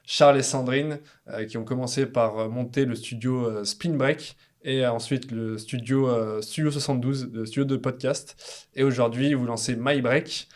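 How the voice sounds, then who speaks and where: A man's voice: mid-range voice, steady tone, normal speed. Guy hosting a podcast chat, lots of euhs, asks stuff casually. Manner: hesitant, many fillers. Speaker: podcast host. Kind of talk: casual interview.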